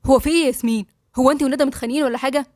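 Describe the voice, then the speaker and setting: An anxious young husband from a storybook who presses with questions, speaking in Egyptian Arabic, as a woman reads him. The voice sits fairly high and races along very fast. It is close and dry, with no room around it. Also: steady tone, a little mellow, no room sound, natural voice. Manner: insistent questioning.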